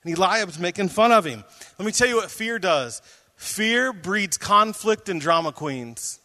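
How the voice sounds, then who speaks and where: A man preaching a sermon as pastor, reading scripture aloud and joking with his listeners in an animated way. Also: high voice, unhurried. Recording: long hall reverb.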